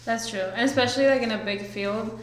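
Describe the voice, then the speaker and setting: A woman's voice: on the high side, steady tone, fast talker. A young woman in her twenties, a physics student, explaining earnestly in a casual chat. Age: 20s. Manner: earnest, listy, thoughtful. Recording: very echoey room.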